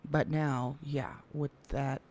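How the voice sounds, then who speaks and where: A man in an in-character roleplay conversation, speaking in a measured way and sometimes dropping to a hushed whisper. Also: mid-range voice, level tone, a little hiss or hum. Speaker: roleplay player.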